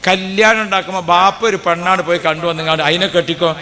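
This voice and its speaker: A male preacher delivers an animated sermon in a high, bright voice. He tells stories, asks rhetorical questions, and acts out quotes. His voice rings through a reverberant hall. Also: quick pace. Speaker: Islamic preacher.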